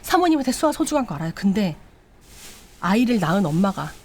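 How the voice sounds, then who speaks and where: A woman's voice: mid-range voice, very animated, fast talker, breathy edge. Woman playing a pleading young mistress. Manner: earnest, explaining herself.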